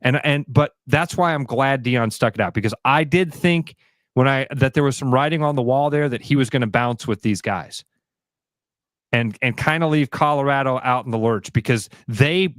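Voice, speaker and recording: Animated radio co-host, dry studio sound. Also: male voice, medium pitch, no room sound. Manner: animated, quick asides, laughs while talking. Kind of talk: casual sports talk radio banter.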